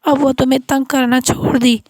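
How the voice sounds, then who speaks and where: A woman's voice: sits high, level tone, normal speed, darkish tone, a little hiss or hum, natural voice. A woman voicing a fed-up older father-in-law in a storybook tale, speaking bluntly and dismissively.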